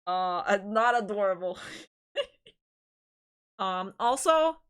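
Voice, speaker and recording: A woman's voice: medium pitch, expressive, slow, a bit bright, smooth. A woman hosting a livestream, chatting casually with viewers in a giggly, rambling way, often restarting her sentences. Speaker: livestream host.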